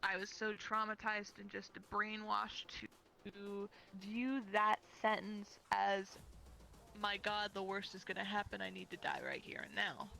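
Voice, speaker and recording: A roleplayer voicing an ex-hacker fugitive with a haunted past, speaking in a halting, hesitant way with a Southern US accent. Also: mid-range voice, animated, gravelly, bright, forceful tone, exaggerated voice, poor audio. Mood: troubled. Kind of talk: in-character voice roleplay.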